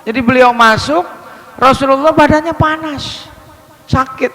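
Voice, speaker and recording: A man preaching a lively, humorous sermon, joking with and questioning his congregation. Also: extremely high pitch, unhurried, long reverb tail, rough recording.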